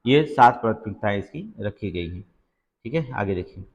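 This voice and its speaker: A husky, lowish male voice with lively intonation leads an exam-prep session at a moderate pace, and the sound is lo-fi. After reading each quiz question he repeats the answer, peppering the lesson with "theek hai" check-ins.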